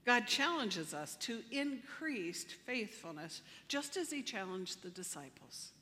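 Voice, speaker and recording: A woman preaching a sermon in a slow, deliberate way, leaning hard on key words. Her voice is bright and ringing. It carries a long reverb from the church hall she speaks in. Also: a little high, sing-song. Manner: measured, emphatic preaching with slow deliberate phrasing. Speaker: pastor.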